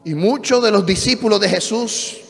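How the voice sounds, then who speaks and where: A male pastor preaching a fervent sermon in a church, swinging between shouted refrains and hushed teaching. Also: high voice, moderate pace, gravelly. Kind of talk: passionate Spanish sermon. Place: church sanctuary. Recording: reverberant church hall with music.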